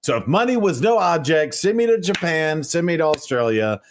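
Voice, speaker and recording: A man's voice: on the high side, animated, moderate pace, slight background noise. A man guest on a casual stream, answering in an upbeat, joking way. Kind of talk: casual chat.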